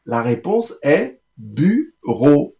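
A man's voice: on the high side, sing-song, drawn-out words, dark tone, exaggerated voice. A man playing a pompous, evasive and comically indignant lawyer in a radio play. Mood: cocky. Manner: pompous, theatrical.

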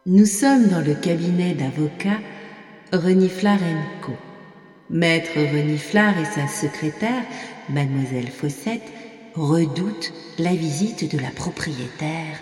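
A man plays a measured radio play narrator. He speaks slowly in a long reverb over faint music. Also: a little high, darkish tone. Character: measured narrator setting a comic scene.

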